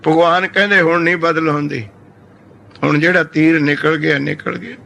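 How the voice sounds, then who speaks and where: A middle-aged man preaching a sermon, telling parables with animated storytelling and acting out the voices in his stories. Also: a little high, normal speed, gravelly. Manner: animated storytelling, acts out quoted figures, calls congregation. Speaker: Sikh preacher giving scripture commentary.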